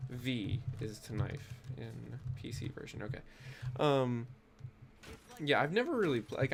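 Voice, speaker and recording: A young American man with a stuffy nose and a mid-range voice streams a game while chatting casually. He rambles and uses lots of fillers, and the recording has a slight hiss or hum.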